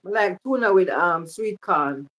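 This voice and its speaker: A woman's voice: lowish voice, measured pace, low-quality recording. A woman with a Jamaican accent chatting casually on a livestream, playful and slipping into patois. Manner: playful, relaxed, slips into patois. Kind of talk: casual chat.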